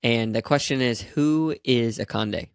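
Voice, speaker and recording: A man's voice: medium pitch, measured pace, clear, resonant tone, no room sound. A male podcast host with a mid-range voice leads the conversation in a friendly, chatty way. He pads his questions with "um" and "like." The recording is close and dry. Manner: friendly, chatty, filler-heavy. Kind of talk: casual interview conversation.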